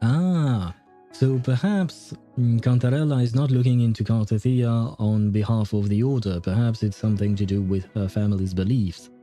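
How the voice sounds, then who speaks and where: A man's voice: lowish voice, steady tone, moderate pace, dark tone, faint music behind. A man giving casual game commentary as a streamer, in an amused, hesitant, rambling way. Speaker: gaming streamer playing through a story.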